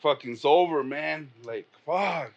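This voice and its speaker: Middle-aged male comic guest, blunt storyteller who curses freely, slightly high voice, dull lo-fi sound. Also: slow pace. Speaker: comedian guest. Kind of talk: casual chat.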